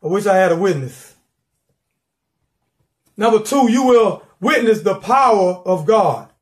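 Middle-aged guy preaching at home into a phone, high voice, fired up, keeps repeating words. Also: animated, measured pace. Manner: fervent preaching with call-and-response; repeats words when building up. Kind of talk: sermon. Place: living room at home.

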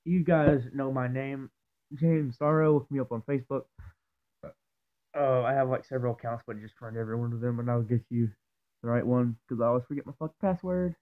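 A young man with dip tucked in his lower lip, talking in a loose, profane, rambling way in a casual vlog. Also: brisk. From Georgia, US. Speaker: vlogger. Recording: tinny phone-like audio.

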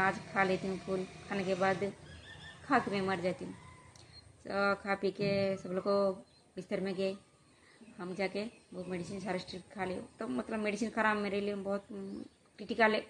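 A woman vlogger telling a personal story in a halting, hesitant way, full of pauses and fillers. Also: medium pitch, level tone, a little hiss or hum.

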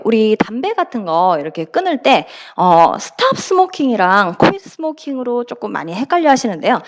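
A woman teaching English grammar in an online lesson, acting out everyday situations and reading example sentences slowly. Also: a little high. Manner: lively, acts out example situations with laughs.

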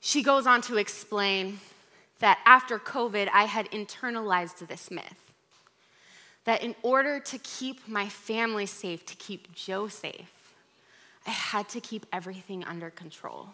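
A woman pastor with an American accent giving a conversational sermon, telling a candid personal story with animated moments. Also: mid-range voice, measured pace.

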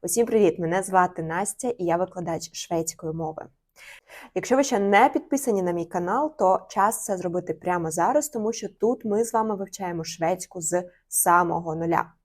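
A young adult woman teaching Swedish in an online lesson. She speaks clearly and slows down to repeat each phrase for learners. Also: lowish voice.

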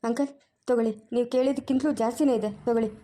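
A woman playing a calm, firm young woman who reasons and reassures in a family drama. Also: fairly high pitch, racing, close to an everyday voice.

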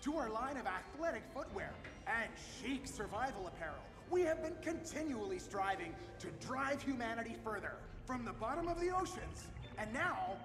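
An actor playing a cheery, salesy male corporate CEO, giving an upbeat promotional pitch with breezy asides. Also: animated, normal speed, echoey room, long reverb tail, over music. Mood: chipper. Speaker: company CEO in a game video.

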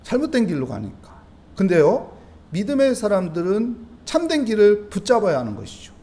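Male pastor with a Busan accent, high and animated, preaching at dawn and asking the congregation questions. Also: moderate pace. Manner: preaching with rhetorical questions and acted-out prayers. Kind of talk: dawn service sermon.

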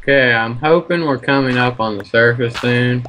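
A man's voice: mid-range voice, moderate pace, a bit bright. A young man co-playing a game, chatting casually in an easygoing, mild-mouthed way. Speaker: co-player. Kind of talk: casual gameplay chat. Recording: background noise, clicks.

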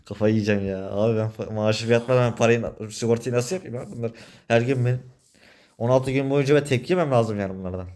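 A man with a Turkish accent in a game role-play, complaining with a frustrated, quick temper. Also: medium pitch, darkish tone.

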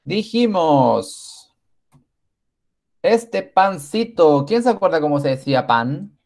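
Slow, patient male teacher. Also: fairly high pitch, big pitch swings, gravelly, darkish tone. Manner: slow, patient, praising often. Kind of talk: online class for young children.

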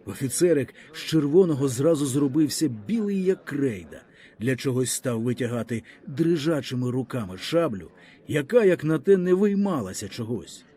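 A man narrating a short story as an audiobook, in an expressive storytelling way. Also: medium pitch, normal speed.

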